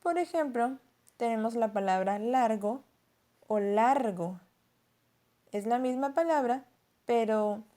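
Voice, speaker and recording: A woman narrating a scripted lesson as a teacher, explaining clearly and slowing down to stress example words. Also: on the high side, mellow.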